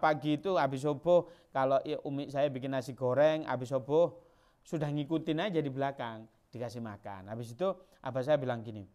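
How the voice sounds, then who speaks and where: A man's voice: mid-range voice, a little mellow, smooth. A male preacher, giving a chatty sermon that tells stories and jumps into acted voices. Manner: chatty storytelling, sudden jumps into acted voices, local slang.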